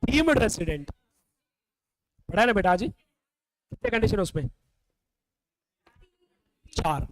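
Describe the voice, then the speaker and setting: Male classroom tutor from India, high voice, unhurried drilling delivery, teasing scolds. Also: very animated, low-quality recording. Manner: scolding, quizzing students, calling them beta. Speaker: teacher. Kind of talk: classroom revision lecture.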